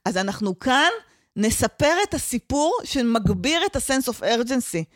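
An Israeli-accented woman with a fairly high voice, recorded close and dry. She explains things conversationally as an expert guest, dropping English work terms into her sentences. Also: expressive, dry recording. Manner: mixes English professional terms into speech. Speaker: guest expert on training development and change management. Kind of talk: casual explanatory podcast conversation.

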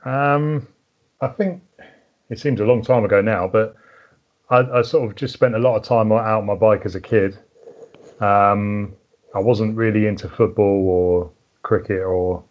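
Lowish in pitch, with the high frequencies cut off, this voice belongs to a middle-aged mountain biker guesting on a podcast. He has a southern English home counties accent and answers casually in a hesitant, think-as-he-talks manner.

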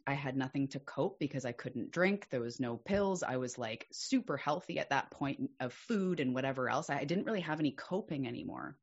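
A woman with an unusually deep, low voice shares a personal story as a podcast guest. She speaks candidly and earnestly, and her pitch leaps up when she grows excited. The recording sounds a little dull and muffled.

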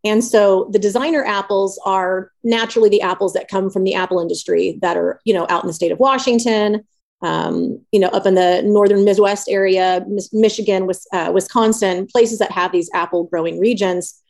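A woman's voice: medium pitch, normal speed. A woman guest in a podcast interview, explaining conversationally in a folksy way with frequent asides. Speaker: podcast guest, orchard teacher.

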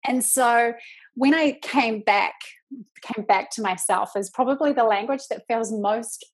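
A woman in her thirties from New Zealand, with a New Zealand accent, speaks at a fairly high pitch, a little slowly, in a husky voice. As a guest on a casual podcast, she talks reflectively and chattily with many fillers. The recording is rough.

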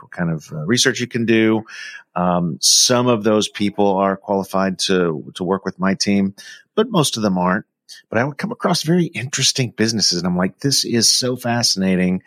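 A man's voice: low voice, fairly bright tone, no echo. A man hosting a podcast interview, enthusiastic and casual, with frequent ums and uhs. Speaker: podcast host.

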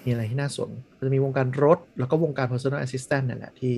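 A man chatting casually on a podcast, blunt and animated, swearing freely. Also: mid-range voice, a little fast, creaky. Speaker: podcast host. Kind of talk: casual chat.

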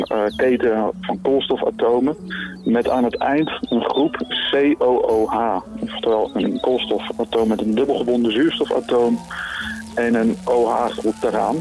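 A man's voice: medium pitch, a little mellow, rough recording. A man explaining chemistry patiently in a casual conversation. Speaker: science expert.

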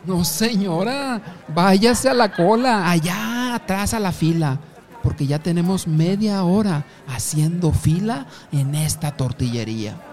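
A woman's voice: sits low, animated, measured pace, few pauses, warm tone. A man voicing an impatient woman who is waiting in a queue and sends another woman to the back of the line. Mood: scolding. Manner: scolding, pointing her back to the line.

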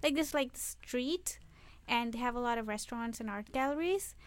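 A woman's voice: a little high, normal speed, clean tone. A woman co-hosting a language lesson in a casual, chatty, conversational way. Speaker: Urdu lesson podcast host.

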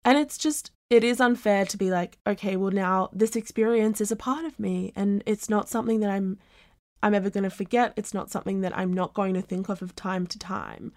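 A young woman hosting a podcast, speaking in a reflective, earnest way with drawn-out phrases. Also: medium pitch, a little mellow, dry recording, clean studio sound. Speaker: podcast host. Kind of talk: casual podcast conversation.

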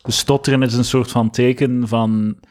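A man's voice: medium pitch, fairly even intonation, normal speed, a little mellow. A young man with a Flemish accent, joking and laughing often while co-hosting a casual podcast chat. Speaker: podcast co-host.

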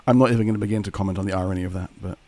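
A man with a rough, raspy voice, hoarse from illness, chatting casually and wryly on a podcast. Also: low-pitched, fairly even intonation, very fast, dark tone, a little hiss or hum. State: hoarse from being ill.

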